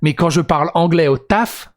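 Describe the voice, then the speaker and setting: Reading from a script, a French-native man who comments on videos for YouTube interrupts himself with crude, sarcastic remarks. He talks at normal speed with a fairly high pitch.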